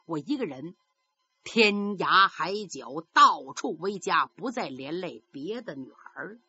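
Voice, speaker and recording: A woman's voice: fairly low pitch, very animated, measured pace, bright, forceful tone, slightly rough, muffled recording, pitched below the performer's own voice, heavily acted. A woman voicing a loyal, earnest young male hero explaining himself with sorrow.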